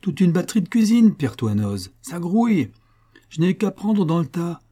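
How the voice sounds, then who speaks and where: A man voicing a sly, cheerful young male boatman who talks boldly and lively in a storybook reading. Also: high voice, moderate pace, slightly rough, voice pushed up, full character voice.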